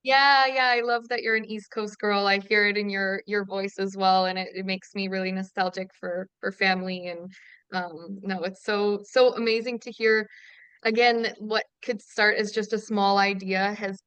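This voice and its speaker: A woman's voice: mid-range voice, fairly even intonation, moderate pace, a bit bright, clean tone, no echo. A woman from Ontario hosting a webinar interview, affirming and asking questions with many fillers over a video call. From Ontario, Canada. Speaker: webinar host. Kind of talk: casual interview conversation.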